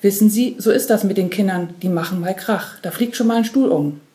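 A woman's voice: medium pitch, fairly quick, mellow, close to an everyday voice. A woman voicing a coarse middle-aged father who brushes things off with a glib, falsely jovial manner. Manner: glib, dismissive, jovial front.

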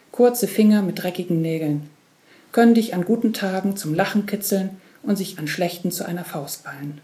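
Woman reading a story, calm measured voice, kinda low and warm. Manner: quiet, measured second-person telling. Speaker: narrator. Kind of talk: literary reading.

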